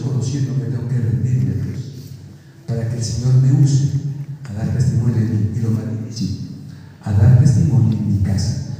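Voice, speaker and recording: A male pastor, preaching a sermon and telling a personal story in an animated way, acting out the dialogue. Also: medium pitch. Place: church hall. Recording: echoey hall, distant mic.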